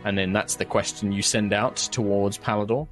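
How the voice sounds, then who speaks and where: A man's voice: on the low side, fairly even intonation, normal speed, faint music behind. A man narrating and refereeing a tabletop game as the game master, explaining rules and describing scenes.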